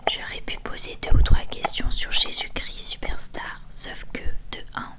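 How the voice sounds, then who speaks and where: Woman in a hushed library whisper. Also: a little slow. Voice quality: soft unvoiced whisper, like a library whisper. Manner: hushed storytelling with self-corrections. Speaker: ASMR host reading a novel aloud. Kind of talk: whispered ASMR book reading. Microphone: close to the microphone.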